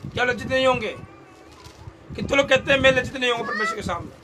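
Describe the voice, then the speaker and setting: A man's voice: extremely high pitch, very fast. A man preaching a sermon to a congregation, often asking questions and having them repeat his words back. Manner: quizzes the congregation, repeating phrases. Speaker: pastor. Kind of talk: call-and-response sermon. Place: church hall. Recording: loud background noise.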